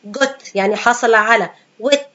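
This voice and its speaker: A woman English teacher with an Egyptian Arabic accent, giving a pronunciation lesson, repeating each example word slowly and answering her own questions. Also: a little high, a bit bright. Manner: asks questions and answers them herself. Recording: dull lo-fi sound.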